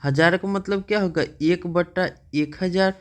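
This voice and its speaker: A man's voice: high-pitched, fairly even intonation, moderate pace, fairly bright tone, clean tone. A man teaching a math lesson, patiently asking questions and checking in with "okay" often.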